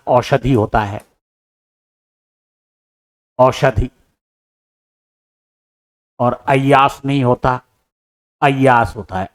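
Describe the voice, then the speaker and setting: A man explaining exam answers step by step. He asks questions and answers them himself, and he calls his students brother. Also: mid-range voice. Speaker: teacher solving an exam paper. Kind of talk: exam answer-key lesson.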